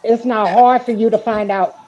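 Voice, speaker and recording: A woman's voice: on the high side, fairly even intonation, moderate pace, a crowd in the background. Firm woman, muffled lo-fi sound. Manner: firm, insistent. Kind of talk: panel discussion. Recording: muffled lo-fi audio.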